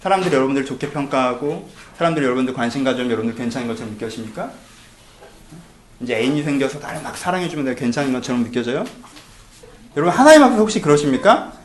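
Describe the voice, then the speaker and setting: Male pastor, fast and lively delivery, preaching with rhetorical questions in a roomy hall. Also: mid-range voice, slight background noise. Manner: rhetorical questions to the congregation, shifting between hushed and emphatic. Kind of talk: sermon.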